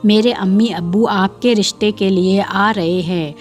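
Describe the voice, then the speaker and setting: A woman's voice: medium pitch, measured pace, faint music behind, close to an everyday voice. A woman voicing an earnest young male doctor who speaks insistently, as a devoted suitor.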